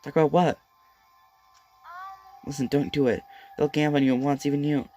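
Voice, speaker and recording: Brief: man playing a fiery young woman, pitched up, loud and urgent, faint music behind. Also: steady tone, moderate pace, close to an everyday voice. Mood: alarmed. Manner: pleading, raised and urgent. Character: emotional young woman, hot-headed and loyal. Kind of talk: manga read-aloud on stream.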